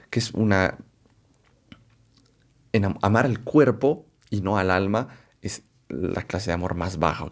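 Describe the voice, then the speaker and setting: A man presenting a philosophy lecture, unhurried and thinking aloud, often checking in with rhetorical questions and correcting himself as he goes. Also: deep voice, creaky. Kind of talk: explanatory lecture to camera.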